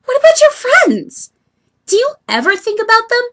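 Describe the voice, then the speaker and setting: For an amateur animated-webcomic voice audition, a woman plays an earnest, bubbly young troll heiress from the sea, scolding expressively in a probing mood. Her very high, exaggerated voice moves at normal speed.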